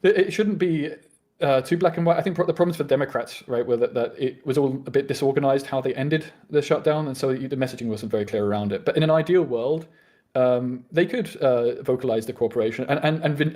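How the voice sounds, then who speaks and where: A man's voice: mid-range voice, a little mellow. A man with a British accent making an earnest debate argument, often restarting his sentences. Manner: fast and earnest, with frequent restarts.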